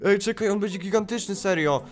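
Casting: high, excitable man voicing a kid in game role-play, faint music behind. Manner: excited, exclamatory, quick reactions. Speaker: gamer playing a child character.

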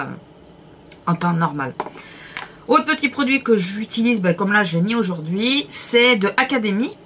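Low-voiced woman doing a casual makeup review, rambly and hesitant, lots of ums. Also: fairly bright tone, slight background noise. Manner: chatty, hesitant, many fillers and self-corrections, frequent laughs. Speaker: beauty vlogger.

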